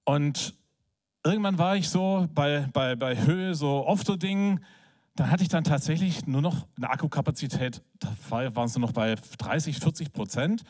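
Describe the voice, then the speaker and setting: A man preaching in a conversational, animated way, telling a personal story with filler words, then praying softly. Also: fairly high pitch, normal speed. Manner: soft, hushed prayer. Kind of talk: sermon with personal story and prayer.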